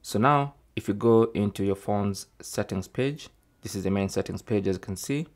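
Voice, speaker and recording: A man with a lowish voice, speaking at normal speed, presents a tech tutorial and narrates each step. His delivery is methodical yet informal, and he often tags phrases with "okay."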